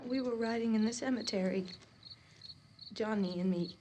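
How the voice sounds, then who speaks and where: An actress playing a fragile young woman in shock in a 1960s horror film, speaking haltingly and breaking into sobs. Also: on the high side, darkish tone, natural voice. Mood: dazed. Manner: halting, dazed, breaking into hysterical crying. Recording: old noisy film soundtrack.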